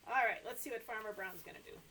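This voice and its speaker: This is story time for toddlers: a middle-aged woman reads aloud and talks to the little ones in an over-the-top sing-song voice, indoors in a small room with a sofa and toys. Her medium-pitched voice is quick, pushed and bright. The recording is rough, with slight background noise.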